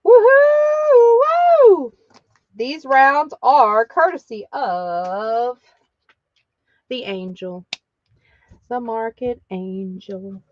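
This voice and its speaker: Woman host for a live craft sale, unhurried and chatty, dry slightly muffled sound. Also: fairly high pitch, dry recording. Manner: chatty, laughs often, cheers "woohoo". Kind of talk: casual live-stream selling chat.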